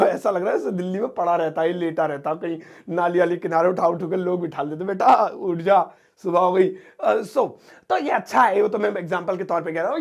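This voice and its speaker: A man teaching English in a casual classroom lesson, chatty and joking with playful asides. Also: high-pitched.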